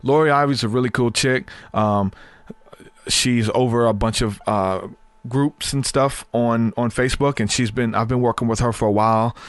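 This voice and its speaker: A man in his thirties hosts a podcast, chatting casually and rambling, repeating words and using lots of fillers as his voice tires from long talking. He speaks at medium pitch and moderate pace. There is no room sound.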